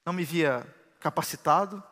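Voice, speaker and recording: A man preaching a sermon as pastor, building to shouts of praise. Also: a little high, moderate pace, long reverb tail.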